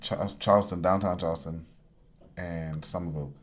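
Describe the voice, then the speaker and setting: A man with a Lowcountry Gullah Geechee accent from coastal South Carolina, chatting casually on a podcast. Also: fairly even intonation, normal speed. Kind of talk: casual conversation.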